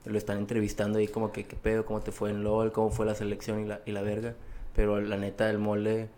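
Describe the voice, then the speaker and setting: A man with a Mexican Spanish accent chats on a podcast in a fairly low voice. He throws in quick slangy reactions and retells what he heard in a loose, easy way. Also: completely flat delivery, warm tone. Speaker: podcast co-host. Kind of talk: casual chat.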